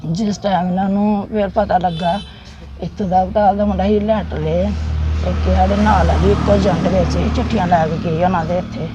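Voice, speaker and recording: A soldier's widow, middle-aged and speaking with a Punjabi accent from the Jammu region, recalls the past in plain, halting speech with repeated phrases. She has a lowish, steady voice, and there is background noise.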